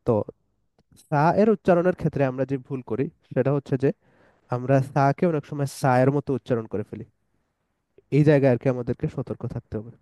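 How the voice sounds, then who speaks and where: A man's voice: medium pitch, mellow, no echo. A man teaching a pronunciation lesson, saying each letter sound over and over for listeners to repeat, with English phrases mixed in. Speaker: tajweed teacher.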